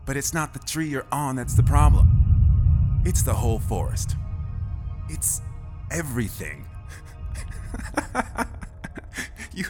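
A man's voice: medium pitch, animated, measured pace, long pauses, music in the background, natural voice. An actor playing a smug captive enemy pilot who taunts and laughs at his captors. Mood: mocking. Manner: sneering, taunting, laughing at others.

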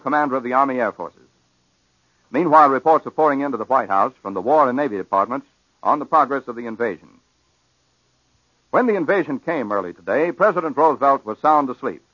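An American man reading wartime news bulletins in a formal, measured 1940s radio newsreel manner, on an old broadcast recording. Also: mid-range voice, fairly bright tone, dry recording, muffled recording. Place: radio news studio, dry sound.

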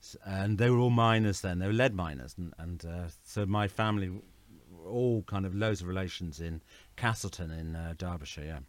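A man from England with a lowish voice chats easily as a guest over a video call. He laughs freely, and the sound is dry and close-miked. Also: moderate pace, hardly any pauses, no room sound. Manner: relaxed, chatty, laughs easily. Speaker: guest artist.

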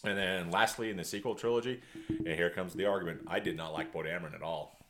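A man's voice: sits low, fairly even intonation, quick pace, noisy background. A man co-hosting a casual podcast chat, blunt and emphatic, swearing freely while giving his opinions. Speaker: podcast co-host.

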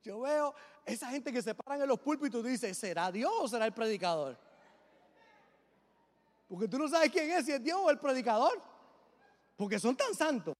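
A man's voice: very high voice, lively intonation, moderate pace, pauses often. A middle-aged man, a pastor, preaching a sermon with emphatic delivery and joking asides. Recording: long reverb of a large hall.

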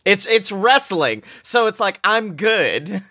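A man's voice: sits high, sing-song, slow pace, bright, forceful tone, no room sound, studio quality. A man chatting casually as a podcast guest, informal and jokey. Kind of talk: casual interview chat.

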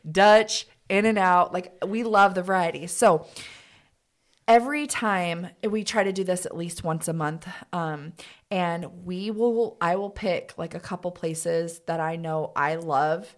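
A young adult woman co-hosting a casual podcast, animated and full of fillers as she chats. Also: fairly low pitch, unhurried. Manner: animated, bubbly, lots of fillers. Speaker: podcast co-host. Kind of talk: casual chat.

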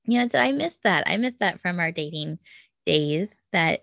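Woman, thirties, slightly low pitch, casual advice host, upbeat and neatly organized, encouraging, close dry recording. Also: expressive, normal speed, vocal fry, a bit bright, no room sound. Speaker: podcast host giving relationship advice. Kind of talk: casual solo advice talk. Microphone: close microphone, dry sound.

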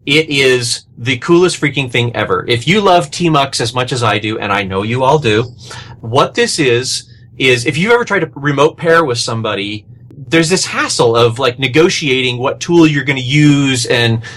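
Podcast panelist, man, excitable and gushing, casual chat. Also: mid-range voice, normal speed.

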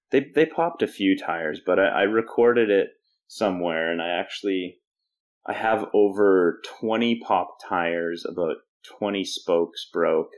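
Low-pitched young canadian man, podcast guest, animated and laughy, does the other people's voices in his stories. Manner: animated storyteller, laughs often, jumps into quoted voices. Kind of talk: casual storytelling interview.

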